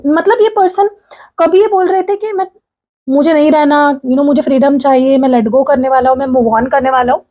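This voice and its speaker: Woman, tarot reader, high voice, mellow tone, chatty with viewers, sore throat. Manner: chatty, addresses viewers as "guys", frequent "theek hai?"; mixes English phrases into Hindi speech. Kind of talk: casual tarot reading to viewers.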